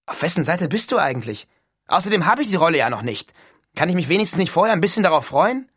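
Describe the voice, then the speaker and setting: An excitable teenage boy bursting with plans, as a male audiobook reader puts him on, loud, emphatic and pitched high above the narration. The voice is husky and close, with a dry studio sound. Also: fast talker, dry recording, full character voice. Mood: insistent. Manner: loud and emphatic, swept up in enthusiasm. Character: eager excited teenage boy, impulsive dreamer. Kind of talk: audiobook reading.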